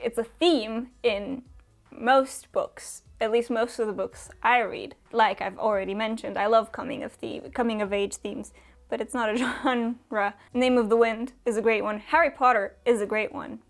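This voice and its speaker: A woman's voice: a little high, normal speed, soft background music. A young woman from Romania chatting casually as a booktuber answering viewer questions, with lots of fillers and small laughs. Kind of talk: casual chat.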